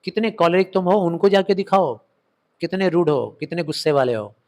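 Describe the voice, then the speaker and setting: A man's voice: sits high, lively intonation, moderate pace. A man with an Indian English accent, an English literature teacher reading a play aloud and explaining it line by line, emphatic and fond of rhetorical questions.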